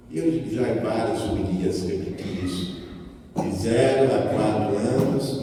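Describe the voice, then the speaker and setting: A man's voice: on the low side, warm tone, slight background noise. A priest giving a reflective homily, speaking directly to his congregation in a church. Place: church with a sacristy. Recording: echoey church from far off.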